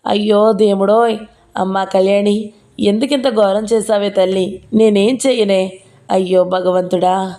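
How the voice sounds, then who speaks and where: A woman's voice: steady tone, moderate pace, dark tone, natural voice. A woman voicing a frantic, grieving old grandmother who cannot leave her bed, pleading and wailing in a raised voice. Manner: wailing, pleading, higher than her narration.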